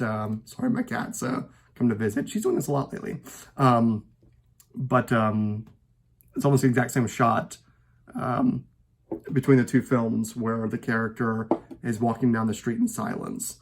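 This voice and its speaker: A man speaking at an ordinary pitch talks casually about his favorite films from home. He rambles and hesitates, often restarting his sentences. His voice sits in a middle register. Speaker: host.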